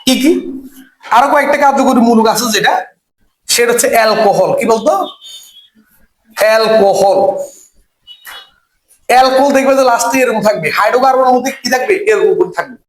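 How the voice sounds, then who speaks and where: A man's voice: very high-pitched, fast talker. A man teaching a chemistry class, who keeps quizzing his students and repeating each key term. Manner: repeats key terms for emphasis. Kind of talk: classroom lecture. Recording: echoey room.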